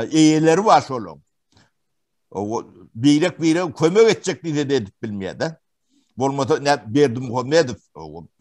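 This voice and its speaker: A man from Turkmenistan giving testimony in an interview, talking haltingly with many pauses and fillers. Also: mid-range voice. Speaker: witness interviewee.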